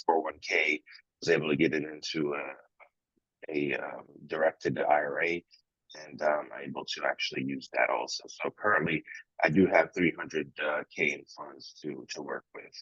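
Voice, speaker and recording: A very deep-voiced man speaks over a scratchy, poor-quality bluetooth headset mic that makes him sound dull and lo-fi. The sound is close and dry. He talks casually on a video call, pausing and repeating words as he works out what he wants to say. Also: steady tone, fairly bright tone, husky, no echo. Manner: halting, restarts and repeats words. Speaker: guest on a networking video call. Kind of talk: casual conversation.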